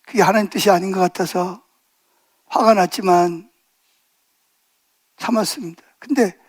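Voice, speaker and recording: A man's voice: high-pitched, normal speed. A man in his sixties, a pastor preaching a sermon, telling stories and asking the congregation rhetorical questions, building to emphatic bursts.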